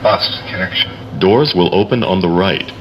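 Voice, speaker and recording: A man with a low voice, speaking at normal speed, delivers the train's automated station announcements as brief, formal, clipped stock phrases. It comes through the subway car's speakers and is captured in an echoey, noisy recording.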